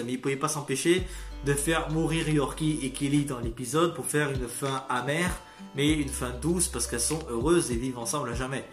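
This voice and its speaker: Rambling excitable man, roomy sound. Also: on the high side. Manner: rambling, excitable, swears freely. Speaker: video critic. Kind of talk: casual spoken review. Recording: roomy echo, faint music behind.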